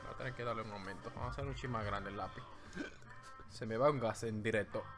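A man's voice: on the low side, fast talker. Joking Dominican man streaming, music behind. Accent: Dominican Spanish. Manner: playful, rambling, jokey. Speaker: streamer drawing live. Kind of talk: joking running commentary while drawing. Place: at home. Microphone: desk microphone.

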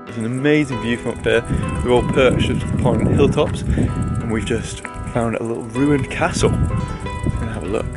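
A young man narrating a travel vlog with dry, joking asides while filming outdoors on a handheld camera. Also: mid-range voice. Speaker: travel vlogger. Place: outdoors on hilltops and city streets. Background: music.

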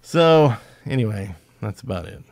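A man's voice: on the low side, lively intonation, moderate pace, gravelly, a little mellow. A man, co-hosting a podcast in casual chat and rambling with many fillers. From Alabama, USA. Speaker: podcast co-host.

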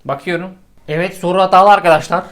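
High-voiced, exasperated male math tutor. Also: steady tone, fast talker. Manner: exasperated, crude scolding with swearing. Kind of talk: comedic geometry lesson.

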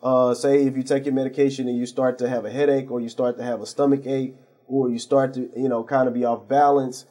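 A man speaks as a guest on a local TV talk show, explaining things earnestly with many fillers and restarts. His voice is dark and a little husky. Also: mid-range voice, flat delivery, brisk. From St. Louis area. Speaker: pharmacy owner, guest. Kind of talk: TV interview.

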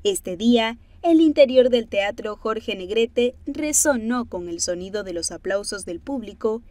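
A woman's voice: a little high, a little mellow, dry recording. A woman reading scripted narration for an entertainment news report.

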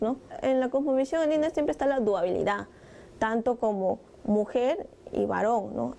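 Gravelly, low-toned young woman dancer. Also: dark tone, a little hiss or hum. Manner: thoughtful, halting with fillers. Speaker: scissors dancer. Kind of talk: interview testimony. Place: indoor room with instruments.

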